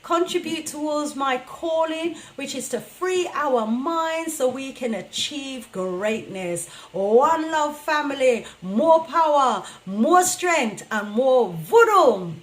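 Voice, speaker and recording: A woman's voice: high voice, expressive, takes it slowly, few pauses. A woman radio host giving an earnest, emphatic motivational address to her listeners. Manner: earnest, emphatic, preaching to family.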